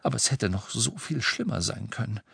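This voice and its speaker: Ein Mann, der in einem Hörbuch eine besorgte Mutter mittleren Alters spricht, leise und den Tränen nahe. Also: male voice, on the low side, sing-song, fairly quick, creaky, husky, no echo, full character voice. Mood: soothing. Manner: soft, tearful. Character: worried middle-aged mother, tender.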